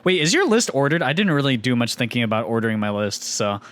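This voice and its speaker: A man's voice: medium pitch, very animated, fast talker, fairly bright tone, no echo. A man co-hosting a podcast in casual chat, joking and laughing between phrases. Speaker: podcast co-host.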